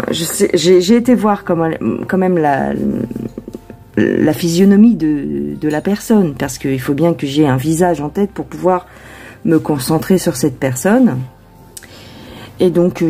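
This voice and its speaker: A woman's voice: low voice, warm tone, husky. A woman tarot reader chatting casually before a reading, rambling with many hesitations and asides to herself.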